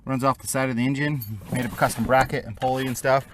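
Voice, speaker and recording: A man at an ordinary mid pitch hosts his own hobby videos. He chats loosely to the camera and keeps turning to his viewers with questions. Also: level tone, fast, a bit bright, a little hiss or hum. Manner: chatty, addresses viewers directly. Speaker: hobbyist channel host. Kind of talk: casual talk to camera.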